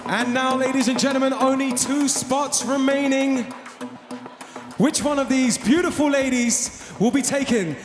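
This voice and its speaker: A man hosting a live pageant as a pumped, booming announcer, drawing out names for dramatic effect. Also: fairly even intonation, measured pace. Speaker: pageant host. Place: large event hall with music behind. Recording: echoey hall PA, loud music behind.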